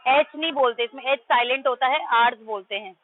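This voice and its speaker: A woman's voice: sits high, a little fast. A woman teacher giving a math class in Hindi-English mix, firmly correcting her pupils' pronunciation and quizzing them. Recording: tinny phone-like line.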